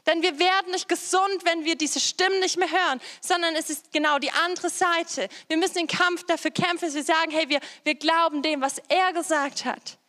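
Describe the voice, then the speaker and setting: A woman with a high voice delivers a sermon, addressing her listeners directly and returning again and again to the same phrases. Her words ring out with the long reverb of a large hall. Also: steady tone, normal speed, few pauses, sharp tone. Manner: direct, repeats phrases, addresses listeners with "hey, weißt du was". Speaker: preacher.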